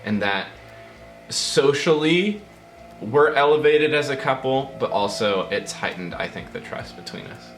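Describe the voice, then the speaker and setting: A young man chatting casually as the host's fiancé, relaxed and joking, a little halting. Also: medium pitch, soft background music. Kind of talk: casual chat. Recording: roomy echo.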